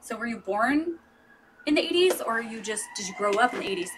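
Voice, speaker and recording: A woman's voice: a little high, lively intonation, fairly quick, fairly bright tone, distant mic, a little hiss or hum. A woman in her thirties chatting casually and rambling with her viewers, laughing often. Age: 30s. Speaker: vlogger. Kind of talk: casual live chat with viewers. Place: home with street traffic outside.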